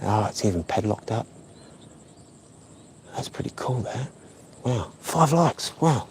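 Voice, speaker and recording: A man's voice: medium pitch, lively intonation, slow, a little mellow, slight background noise. A middle-aged man, live-streaming as he walks outdoors by a lake, chatting in a meandering, self-deprecating way full of fillers. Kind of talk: casual rambling live stream chat.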